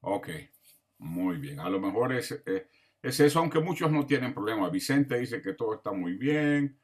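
A man's voice: medium pitch, big pitch swings, moderate pace. A man teaching an online grammar class, patiently listing words one by one and checking in with his students. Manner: patient, lists words one by one, often asks "¿verdad?". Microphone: video call.

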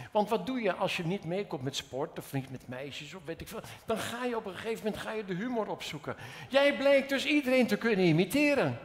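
Ceremony presenter, male, measured and chatty, high-ish voice, reverberant hall. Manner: measured, conversational, addressing the winner then the audience. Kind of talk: stage presentation. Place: large theater stage. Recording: reverberant theater hall with audience.

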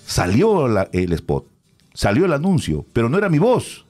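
A middle-aged radio announcer, telling stories in an animated, expressive way during a casual conversation. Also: male voice, medium pitch, normal speed, faint music behind.

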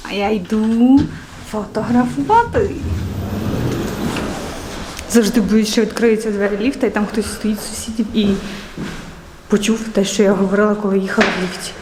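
A woman's voice: mid-range voice, level tone, quick pace, background noise. A young woman talking casually to her phone camera while walking through a city, playful and jokey. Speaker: vlogger. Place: outdoors on city streets and in a park. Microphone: handheld phone at arm's length.

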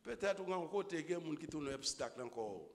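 A man preaching a sermon as pastor, swinging from low murmurs to shouted exclamations. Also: expressive, quick pace. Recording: echoey hall with long reverb.

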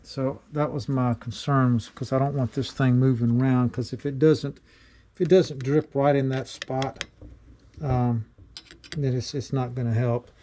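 Speaking at a measured pace, a middle-aged man shows off something he built himself, giving a relaxed workshop tutorial amid the clutter of his home shop. His medium-pitched voice is warm and steady, and his plain delivery is peppered with fillers, over a faint hiss or hum.

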